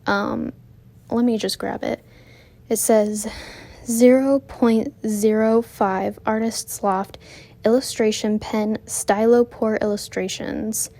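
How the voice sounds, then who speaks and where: A woman's voice: a little high, steady tone, takes it slowly, mellow. A woman narrating a casual voice-over about her drawing, out of breath because she walks while she talks, chatty and rambling with frequent self-corrections. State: out of breath from walking. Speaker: art vlogger narrating her drawing process.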